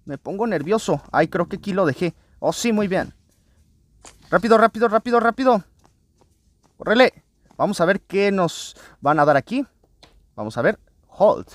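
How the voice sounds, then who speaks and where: An excitable man, hosting a let's play video and talking to his viewers as he plays. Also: high voice, normal speed, pauses often, dry recording. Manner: excitable, often addresses viewers as friends. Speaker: gaming channel host.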